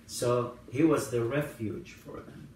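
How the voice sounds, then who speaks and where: Man, Assyrian native speaker, priest at Bible study, very slow, heavy room echo, distant mic, faint hiss. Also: mid-range voice, fairly even intonation, darkish tone. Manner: retells scenes, acting out quoted lines with rising emphasis. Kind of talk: informal Bible study teaching. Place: church hall. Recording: very echoey room, voice from far off, faint noise.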